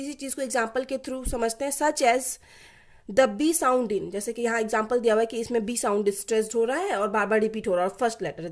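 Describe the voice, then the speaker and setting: A woman tutoring literature students for an exam, reading English definitions slowly and then explaining each point again in simpler words. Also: a little high. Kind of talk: exam-prep lesson, mixing Hindi and English.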